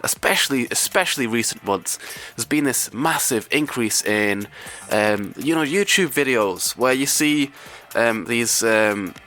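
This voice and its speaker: Croaky-voiced man hosting radio. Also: mid-range voice, animated, a little slow, few pauses, pushed and bright. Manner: hesitant, conversational, rambling. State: ill, croaky voice. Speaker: community radio host. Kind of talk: casual radio talk, unscripted.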